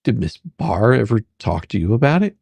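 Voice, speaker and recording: The clip features a performer reading a dramatic deposition as a persistent, sarcastic attorney interrogating a witness in halting, probing, repetitive phrases. The exaggerated mid-range voice is sing-song and gravelly, darkish with a breathy edge, and there's no echo.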